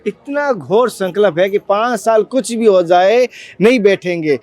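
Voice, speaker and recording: A man's voice: high voice, expressive, measured pace, a little mellow, no echo. A man hosting a devotional vlog who talks fervently and repeats himself while addressing his viewers as friends and questioning an ascetic. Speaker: devotional vlogger and interviewer. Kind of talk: earnest devotional vlog commentary.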